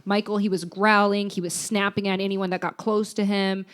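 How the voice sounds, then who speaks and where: A woman's voice: medium pitch, little pitch movement, normal speed, clean tone. Giggly young woman telling a true crime tale. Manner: giggly, laughs often between lines. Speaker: podcast co-host. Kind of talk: casual chat, telling a true crime story.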